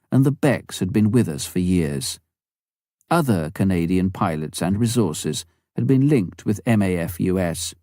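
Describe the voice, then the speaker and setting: A very mellow, fairly low male voice reads a memoir with measured, clear phrasing, as in a scripted audiobook. The recording is dry and close-miked, with little ambience.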